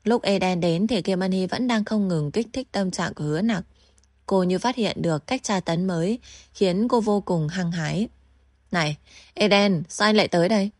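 A woman with a low voice narrates a novel in an even, steady manner. The recording is dry and close, with no room around it. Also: no echo. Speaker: audiobook narrator.

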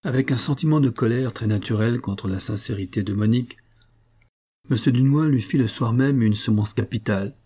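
A man narrating a novel in a measured, even reading. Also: medium pitch, breathy edge. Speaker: audiobook narrator. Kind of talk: scripted narration.

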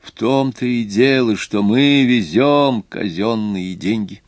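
A male reader voicing a jittery, touchy watchmaker in a storybook stagecoach, his voice lifting with nerves and wounded pride. He speaks in a lower man's voice, pushed upward when he frets. The recording is close and dry. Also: takes it slowly, no echo. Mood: anxious. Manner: anxious, easily offended. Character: anxious fussy Swiss watchmaker, middle-aged man.

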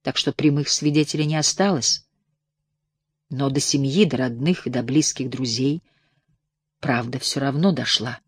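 A woman's voice: extremely low pitch, normal speed, long pauses, breathy edge, no room sound, studio quality. A woman reading the part of an uneasy landowner who tells a grim village tale in a hesitant, confiding way. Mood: hushed.

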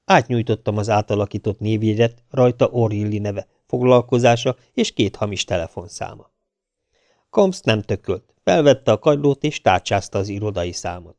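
Egy férfi, aki első személyben, élénk mesélő stílusban olvas fel egy hangoskönyvet. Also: male voice, lowish voice, a little mellow, dry recording. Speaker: audiobook narrator. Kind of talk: first-person audiobook narration.

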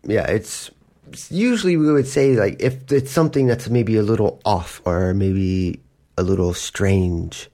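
Patiently explaining words in a casual style, a man hosting an English-learning podcast acts out small example quotes in playful put-on voices. He speaks a little slowly, with a mellow, fairly low-pitched voice.

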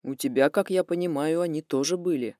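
Low steady young guy, blunt and calm, dark mellow tone , a woman reading him. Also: brisk, dry recording, studio quality, natural voice. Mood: quiet steady. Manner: level, even, understated delivery.

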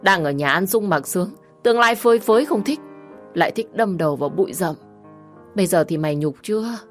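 A woman voicing a frantic, scolding older mother in a narrated story, raising her voice high and loud. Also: moderate pace, soft background music, lightly acted. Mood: wailing scold.

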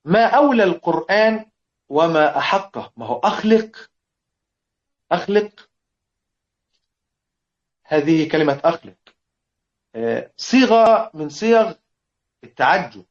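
A man with an Egyptian Arabic accent teaching a classical poem, checking often that his students follow and chanting verses slowly. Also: sits high, expressive. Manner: checks understanding with repeated questions; chants verses slowly, lists points deliberately. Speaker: Quran recitation teacher. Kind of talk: explanatory lesson on classical poem. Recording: dull lo-fi lecture recording.

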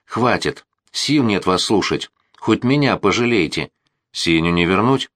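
A man's voice: lowish voice, lively intonation, measured pace, fairly bright tone, no echo, studio quality. A man reading the part of a grieving, hurt wife in an audiobook, speaking wearily and pleadingly. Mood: weary.

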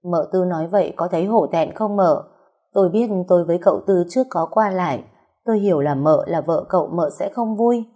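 A woman's voice: on the low side, a little fast, dark tone, slightly rough. A woman voicing a tearful, scheming young female servant in an audio story. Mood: tearful pleading.

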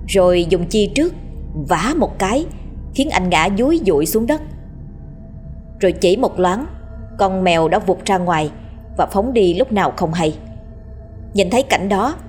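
A woman narrating a horror story in a steady, dramatic reading. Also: lowish voice. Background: faint music.

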